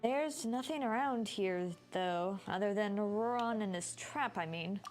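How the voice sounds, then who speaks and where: A woman game streamer with a medium-pitched voice speaks a little slowly, offering informal live commentary over game music. She often voices what the characters seem to be thinking.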